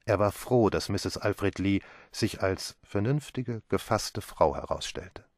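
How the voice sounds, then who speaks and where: Low-voiced man reading an audiobook. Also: a little slow, no room sound, clean studio sound. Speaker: audiobook narrator. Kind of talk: scripted narration.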